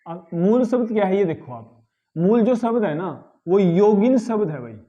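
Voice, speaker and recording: High-voiced man teaching grammar. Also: animated, dark tone, dull audio. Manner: repeats words slowly to correct pronunciation, asks "ठीक है?". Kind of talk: spoken lesson.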